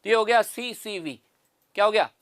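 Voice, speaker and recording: A man's voice: high-pitched, moderate pace, fairly bright tone, smooth, no room sound, studio quality. A man teaching an exam-prep phonetics lesson, explaining step by step and repeating the key answers.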